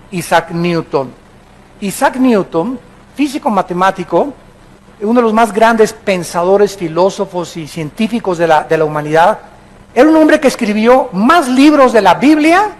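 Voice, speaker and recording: A man's voice: sits high, poor audio. A man with a Mexican accent preaching a sermon, emphatic and addressing his listeners directly. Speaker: pastor.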